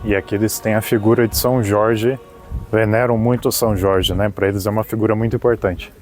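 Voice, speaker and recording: A man's voice: on the low side, fairly even intonation, a little fast, music in the background. A Brazilian man with a Brazilian Portuguese accent, chatting through a travel vlog, explaining facts and cracking jokes as he drives a mountain road and tours outdoors. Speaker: travel vlogger. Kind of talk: casual travel vlog narration. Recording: distant mic with loud road and outdoor noise. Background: car and outdoor ambience.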